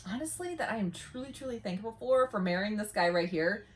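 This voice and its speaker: A woman's voice: mid-range voice, expressive, brisk. Chatty woman vlogging inside a small camper trailer. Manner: chatty, laughs easily while talking. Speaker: vlog host. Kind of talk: casual chat to camera.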